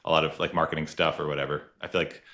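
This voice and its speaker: In this clip the host's rumbling low voice barely moves in pitch, and he talks rapid-fire with a slightly bright tone. The interview stays casual and chatty, peppered with fillers and frequent laughter.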